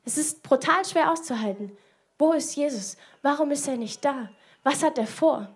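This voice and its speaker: High-voiced woman preaching earnestly. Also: normal speed. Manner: earnest, searching rhetorical questions; speaks directly to the listener. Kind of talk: sermon.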